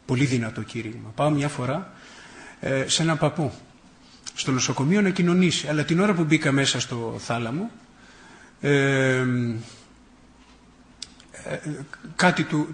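Male priest, sermon, fairly high pitch, emphatic list-builder, folksy storyteller. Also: echoey room. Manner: emphatic, builds long rhetorical lists with rising intensity; folksy, tells personal anecdotes with self-irony.

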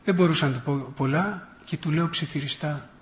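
A man's voice: a little high, reverberant, a little hiss or hum. A priest giving a sermon. He builds emphatic rhetorical lists and mixes in folksy personal anecdotes with self-irony.

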